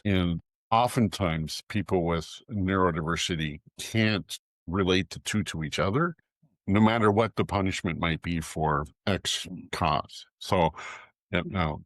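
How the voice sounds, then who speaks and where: A man's voice: low voice, dry recording. A man speaking as a guest author on an interview podcast, frank and emphatic, often agreeing. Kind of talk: conversational interview.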